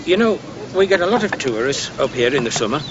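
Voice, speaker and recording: An actor playing a chatty local pub landlord making nosy small talk with tourists. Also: male voice, medium pitch, very animated, quick pace, lo-fi sound, noisy background, lightly acted.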